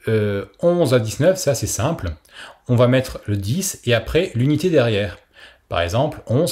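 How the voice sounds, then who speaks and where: A man with a mid-range, somewhat dark voice teaches a recorded language lesson. He explains things patiently and models pronunciations for the listener to repeat.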